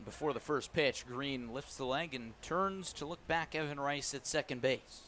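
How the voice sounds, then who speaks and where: A man calls baseball play-by-play live on radio from an outdoor ballpark, punching up the big moments. His mid-range voice is fairly bright and moves at normal speed, with slight background noise.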